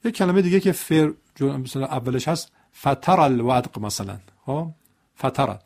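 Gravelly male recitation teacher. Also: mid-range voice, expressive, a little mellow. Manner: corrective, demonstrative, repeats examples. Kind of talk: recitation lesson dialogue.

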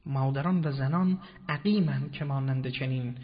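A man's voice: mid-range voice, husky. A man giving a formal, explanatory religious lecture and quoting Arabic verses. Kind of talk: religious lecture on Quranic wording. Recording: dull lo-fi recording with long hall reverb.

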